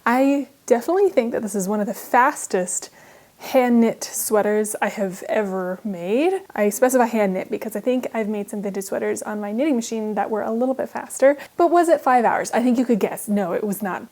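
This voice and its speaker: Chatty woman vlogger, slightly high voice. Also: fairly quick, a little mellow. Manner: chatty, rambling, informal. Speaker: knitting vlogger. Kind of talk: casual vlog to camera.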